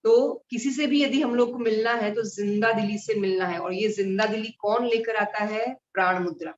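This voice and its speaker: A woman's voice: mid-range voice, moderate pace. A woman teaching mudra therapy to a live group in a conversational way, explaining with everyday examples. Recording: roomy and dull.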